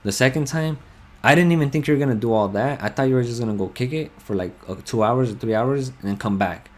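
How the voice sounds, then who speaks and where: A man's voice: medium pitch, fast talker. A young man on a headset in game voice chat, telling a long heated story full of swearing and rambling asides. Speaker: gamer telling a personal story. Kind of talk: casual chat over game voice chat.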